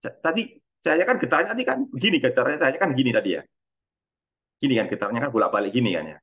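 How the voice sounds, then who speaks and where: A middle-aged man giving a physics lecture in a relaxed, conversational way, asking his students questions and often answering them himself. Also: mid-range voice, fast talker. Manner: conversational, repetitive teaching. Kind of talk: university lecture.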